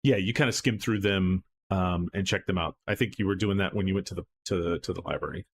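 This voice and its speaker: A man's voice: low voice, fast, vocal fry, a little hiss or hum. A man acting as game master, recapping a tabletop horror game in a loose, rambling way full of fillers and restarts.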